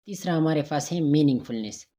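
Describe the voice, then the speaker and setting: A man's voice: fairly high pitch, a little fast, mellow. A man teaching a recorded grammar lecture, explaining patiently step by step and sounding out examples syllable by syllable.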